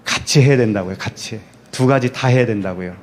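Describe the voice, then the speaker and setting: A man's voice: mid-range voice, brisk. A man preaching a sermon as pastor. He asks the congregation rhetorical questions, answers them himself, and repeats key words for emphasis.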